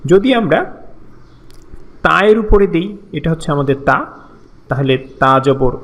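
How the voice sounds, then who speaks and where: A man with a high voice teaches a lesson at an unhurried pace, and his pitch rises and falls a great deal. He explains things patiently and slowly repeats each syllable so listeners can practise. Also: lively intonation, fairly bright tone.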